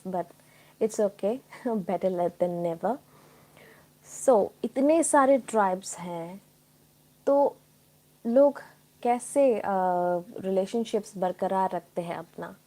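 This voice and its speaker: A woman from Tripura with an Indian accent hosts a relaxed live stream chat, explaining things informally to her viewers. Her voice is mid-range with a darkish tone. The audio quality is poor.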